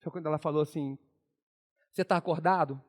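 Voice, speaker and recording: A young Brazilian man with a Brazilian Portuguese accent, giving a motivational speech and acting out his own story, swinging from hushed to shouting. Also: a little high, steady tone, fast. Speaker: motivational speaker.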